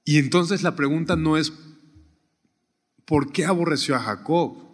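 A man preaching a sermon, swinging from raised emphatic lines to quiet, hushed ones. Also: measured pace. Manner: animated preaching, rising high then dropping to a near hush. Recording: long hall reverb.

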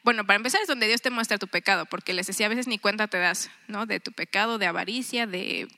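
A woman's voice: mid-range voice, fast, bright, forceful tone. A woman in her thirties giving a chatty, earnest devotional talk to a women's group, often acting out her own thoughts. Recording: long reverb.

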